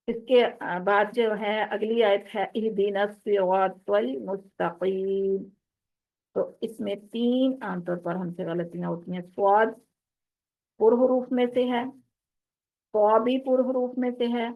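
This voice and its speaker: A woman teaching a tajweed lesson, explaining common recitation mistakes and slowly drawing out the Arabic words she demonstrates. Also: a little high, steady tone. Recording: tinny phone-like audio.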